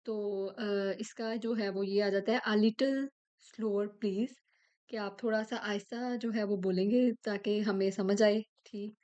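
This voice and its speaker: A woman's voice: medium pitch, fairly even intonation, mellow, clear, resonant tone. A woman teaching a German lesson, explaining step by step and checking in with the listener often. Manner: slow, explains step by step, ends phrases with "ठीक है?". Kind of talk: language lesson explaining textbook.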